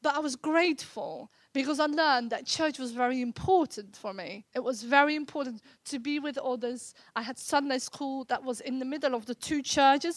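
Woman, 30s, Dutch accent, non-native speaker, high voice, dry close sound, earnest, lots of fillers. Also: dry recording. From Netherlands. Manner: earnest, with many fillers and restarts. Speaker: guest sharing her testimony. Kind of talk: casual faith conversation.

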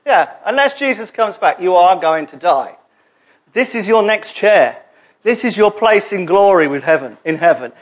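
Man preaching, high voice, chatty and jokey, church hall. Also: expressive, moderate pace. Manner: conversational, jokey preaching with asides. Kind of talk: sermon.

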